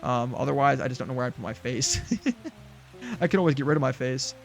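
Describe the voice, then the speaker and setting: A man chatting casually as he streams a farming game, mid-pitched and easygoing. He rambles with fillers and restarts, and faint music plays behind him. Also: fairly quick, gravelly. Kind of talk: casual gameplay chat.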